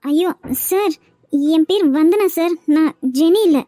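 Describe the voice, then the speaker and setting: A woman's voice: very high voice, measured pace, warm tone, no echo, clean studio sound. A woman voicing a frightened young widow in a cartoon, flustered but refusing firmly, with a Kanyakumari Tamil accent. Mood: scared, firm. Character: frightened young widow, new office worker. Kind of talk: cartoon web series dubbing.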